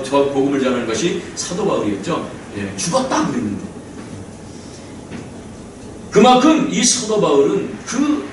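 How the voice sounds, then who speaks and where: A man preaching a sermon in an animated way, acting out voices and breaking into hymn singing. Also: a little high, a little hiss or hum. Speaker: pastor. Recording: echoey room from far off, faint ambience.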